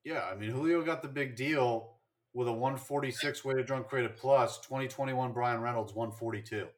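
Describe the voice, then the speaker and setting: A man's voice: mid-range voice, normal speed. A man co-hosting a casual sports podcast, chatting and rattling off statistics with fillers and restarts. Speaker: podcast co-host.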